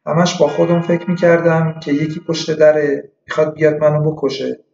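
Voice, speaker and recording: A woman's voice: low-pitched, little pitch movement, creaky, a little mellow. A man doing a pious lonely old widow. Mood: weary. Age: older. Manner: sighing, fatalistic, calls the doctor son. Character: elderly widowed woman patient, pious and lonely. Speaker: psychiatric patient. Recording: echoey room, dull lo-fi.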